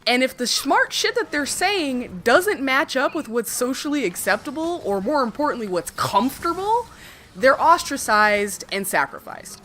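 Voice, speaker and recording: A woman co-hosting a casual livestream chat, ranting in a profane, animated way. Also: high voice, moderate pace, slight background noise. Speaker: streamer co-host.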